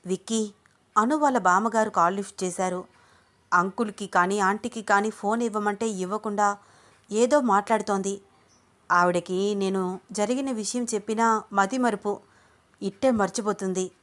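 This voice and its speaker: A woman's voice: mid-range voice, fairly even intonation, normal speed, pauses often, fairly bright tone, lightly acted. A woman voicing a worried young man in love, speaking earnestly in a told story.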